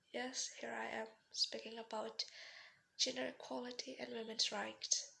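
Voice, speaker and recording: A young Indonesian woman delivers a rehearsed formal speech in a slow, deliberate way, her bright voice edged with gravelly fry. She sounds earnest, pausing often and restarting words, with the accent of a speaker whose first language is Indonesian. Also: on the high side, little pitch movement. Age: young adult. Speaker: student giving a practice speech.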